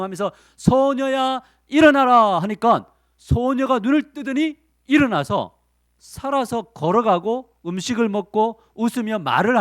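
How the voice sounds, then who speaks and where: Lively storytelling pastor, dry sound. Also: male voice, high voice, no room sound. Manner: storytelling with quoted voices and call-and-repeat. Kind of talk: sermon to teenagers. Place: church.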